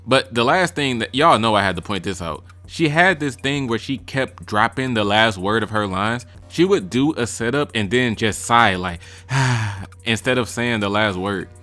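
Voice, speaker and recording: A man's voice: mid-range voice, normal speed, few pauses, bright, forceful tone, soft background music. A man giving casual ranking commentary on rap verses, blunt, profane and mocking. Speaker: music reaction vlogger.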